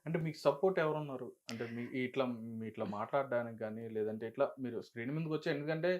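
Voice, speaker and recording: Man, interviewer, rapid probing questions, medium pitch, muffled lo-fi recording. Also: a little mellow. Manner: curious, probing, frequent backchannel hums. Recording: dull lo-fi sound.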